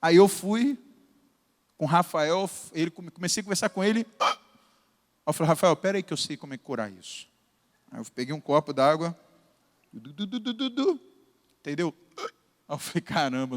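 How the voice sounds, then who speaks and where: High-voiced Brazilian preacher in a hall. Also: male voice. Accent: Brazilian Portuguese. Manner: animated, acts out dialogue in his stories. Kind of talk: sermon with storytelling. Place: church hall. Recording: long hall reverb.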